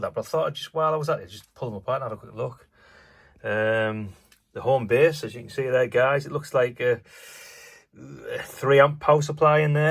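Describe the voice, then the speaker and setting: Recorded on a phone at an indoor workbench, this channel host talks as he works in a mid-range, gravelly voice. His hands-on commentary is casual and rambling, offhand and heavy on fillers.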